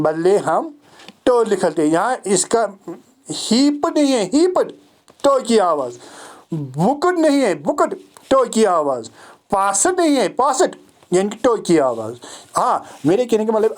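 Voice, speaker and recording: A man's voice: sits high, darkish tone. A man teaching English phonetics in a recorded online lecture. He explains patiently, repeats key points for emphasis and checks that his students follow.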